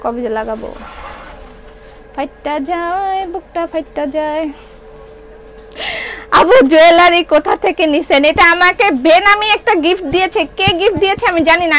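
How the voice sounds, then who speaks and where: A middle-aged woman with a Bangladeshi Bengali accent sells clothes on a live stream from her online shop, chatting and answering viewer comments. Her voice is extremely high and a bit bright, and the recording is low quality.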